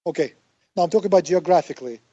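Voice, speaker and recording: A man's voice: a little high, very fast, warm tone, dry recording. A man from Siberia with a Russian accent, telling stories casually as an interview guest, often searching for words. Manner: hesitant phrasing, searching for words. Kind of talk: casual conversational storytelling. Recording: muffled, band-limited online call audio.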